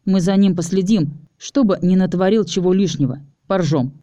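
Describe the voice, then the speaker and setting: Man reading mischievous young friend, teasing, stubborn, mellow. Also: high-pitched, normal speed, no room sound, muffled recording, natural voice.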